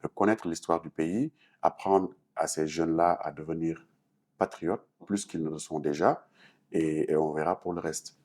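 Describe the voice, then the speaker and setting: This Senegalese artist and activist, a guest on a talk show, has a very deep, darkish voice with fairly even intonation and a moderate pace. He earnestly explains things while answering interview questions, using French-speaking West African style and a Senegalese accent.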